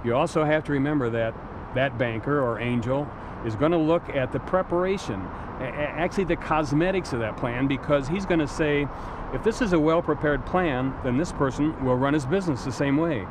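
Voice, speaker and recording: A middle-aged man with a slightly high voice speaks briskly in an outdoor interview on a waterfront pier, giving blunt, emphatic business advice and repeating words. Traffic noise can be heard behind him.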